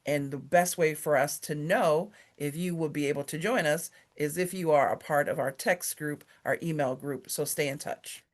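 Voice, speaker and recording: A woman with a low voice hosts a virtual neighborhood meeting. She sounds upbeat and a little playful, and she spells out details slowly and carefully for her listeners. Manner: upbeat, joking, reads numbers slowly and clearly. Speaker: community meeting host.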